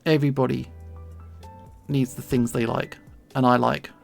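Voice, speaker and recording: Over faint background music, a southern English streamer draws and chats in a playful, relaxed way at a normal pace. The voice is medium in pitch with little movement, the southeast accent is clearly enunciated with sounded T's, and frequent chuckles punctuate the talk.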